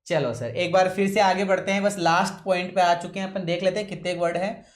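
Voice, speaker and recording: A man with a high voice teaches English vocabulary for exam prep, keeps asking students if they've got it, and calls them son. His typically rapid speech is consciously slowed, and the classroom has an echo.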